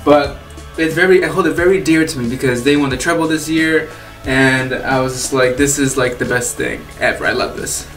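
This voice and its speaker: A man's voice: medium pitch, normal speed, a bit bright, distant mic. A young man from Peru chatting casually in a vlog, rambling and enthusiastic with lots of fillers. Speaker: YouTuber. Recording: roomy echo, off-mic, faint music.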